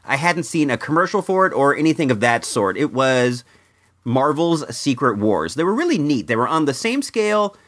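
A middle-aged man talks casually as a toy review host, mixing nostalgic stories with wry commentary. His pitch moves around in a lively way. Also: moderate pace. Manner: conversational, wry. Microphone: microphone in a room.

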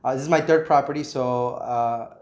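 A man's voice: medium pitch, steady tone, moderate pace, a little mellow. Earnest man in his thirties, echoey room. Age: 30s. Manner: earnest, frank, repeats words, many "you know"s. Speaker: realtor and property investor, guest. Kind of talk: casual interview. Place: vacant apartment unit indoors.

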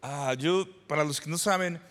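A man's voice: on the high side, normal speed, a bit bright. A man in his forties from El Salvador, preaching a sermon as pastor, conversational, with rhetorical questions and repeated phrases. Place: church sanctuary. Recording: reverberant church hall.

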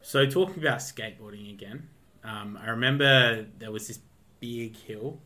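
A man's voice: mid-range voice, moderate pace, pushed and bright. A young Australian man chatting in an easygoing, teasing way. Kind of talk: casual chat.

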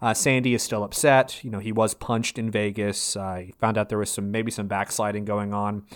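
A man's voice: fairly low pitch, flat delivery, normal speed, clear, resonant tone. Jokey male podcast co-host. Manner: playful, jokey scripted intros. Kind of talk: casual podcast recap.

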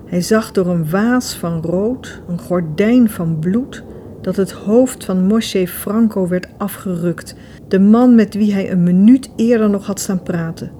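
A woman reading a novel aloud in steady, measured audiobook narration. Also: medium pitch, a little hiss or hum. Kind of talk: scripted narration.

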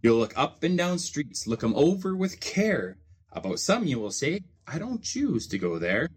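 A man reading a children's book aloud as host, with measured phrasing and expressive emphasis. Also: a little high, slightly rough. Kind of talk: storybook read-aloud.

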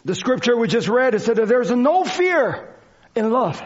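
A man's voice: very high voice, big pitch swings, normal speed. A man preaching a church sermon in non-native English phrasing, exhorting and repeating his phrases with fervor. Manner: repetitive, exhorting, swinging between shouts and quieter talk. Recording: dull lo-fi sermon recording.

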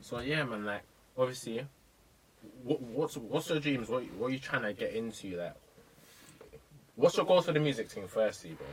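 A man's voice: mid-range voice, expressive, moderate pace, pauses often. A man with a London roadman accent chatting casually in street slang as an interviewer. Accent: London roadman, urban slang. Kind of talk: casual chat. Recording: distant mic, faint background noise.

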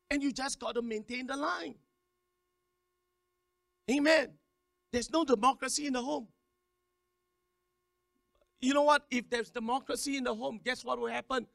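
A man preaching a sermon, repeating words in quick stammering runs and calling on the congregation to respond. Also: very high-pitched, creaky, sharp tone, no room sound, studio quality. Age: 50s. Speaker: pastor.

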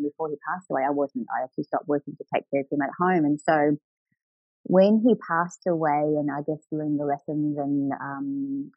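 A woman's voice: deep voice, no echo, phone-quality sound. A middle-aged woman telling her own story as an interview guest, earnest and reflective. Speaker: guest, grief recovery coach.

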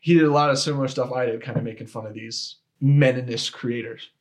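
Talking fast in a mid-range voice with fairly even intonation, a young adult guest on a podcast rambles through a personal story. His casual telling is full of restarts and "like" fillers.

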